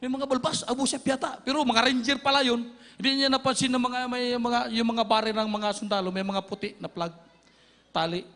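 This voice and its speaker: A man from the Philippines giving a dramatic church testimony, telling his story with sound effects and shouts of praise. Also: very high voice, steady tone, fairly quick. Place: church hall. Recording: reverberant hall.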